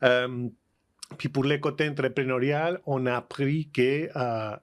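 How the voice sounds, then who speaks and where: A man's voice: medium pitch, steady tone, measured pace. Spanish-accented man, hesitant speech. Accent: Mexican Spanish. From Mexico. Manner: hesitant, many fillers and restarts. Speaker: guest. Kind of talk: casual interview conversation.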